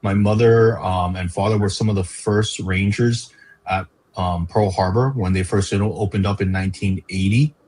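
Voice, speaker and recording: A man's voice: deep voice, fairly even intonation, normal speed, darkish tone, a little hiss or hum, poor audio. A man from Hawaii, a park educator, talking earnestly as an interview guest with frequent fillers. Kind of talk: casual interview chat.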